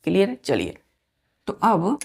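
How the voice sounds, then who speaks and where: Gravelly male English teacher quizzing students. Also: high-pitched, wildly swooping pitch, unhurried, darkish tone. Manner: repeats words and quizzes the class often. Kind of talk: classroom lesson in spoken Hindi.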